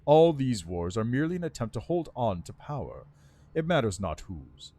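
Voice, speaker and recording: A man's voice: medium pitch, very animated, moderate pace, warm tone. A man voicing an ancient undead lich from a game, with a dry voice and a pompous, scornful, formal manner. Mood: bitter, scornful. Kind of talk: voiced reading of game dialogue.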